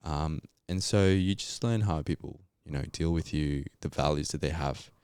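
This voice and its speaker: Speaking with a Colombian Spanish accent, a young man from Colombia reflects casually on his story as a podcast guest, using lots of fillers in a relaxed interview. His very deep voice is smooth and slightly mellow, at a normal speed, captured in a clean studio with no echo.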